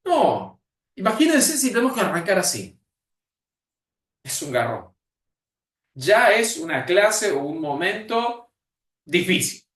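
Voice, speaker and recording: Animated Argentine man teaching in an echoey room. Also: sits high, slow, long pauses. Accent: Argentine Spanish. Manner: expressive, repeats key phrases for emphasis. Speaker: communication skills teacher. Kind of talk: lecturing a class. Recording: echoey room, mic at a distance.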